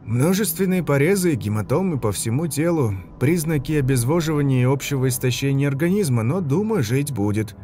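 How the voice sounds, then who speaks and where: A man voicing a male field medic technician who speaks in a steady, reassuring way. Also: medium pitch, a little fast, hardly any pauses, slight background noise, voice pushed up, natural voice.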